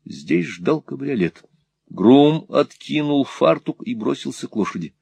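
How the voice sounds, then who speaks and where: A man narrating a classic novel as an audiobook, with measured and dramatic storytelling. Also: medium pitch, lively intonation, vocal fry, a little mellow, husky, no echo.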